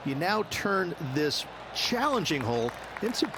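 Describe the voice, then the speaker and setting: Explanatory male golf analyst, fairly high voice. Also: sing-song, unhurried, crowd noise, noisy background. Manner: explanatory, advising. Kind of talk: golf commentary.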